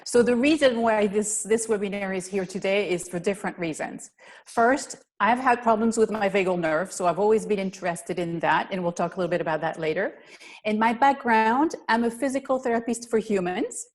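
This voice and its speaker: A woman's voice: medium pitch, brisk. Belgian woman explaining on a webinar. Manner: earnest, explanatory, slightly non-native phrasing. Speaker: guest presenter, physical therapist.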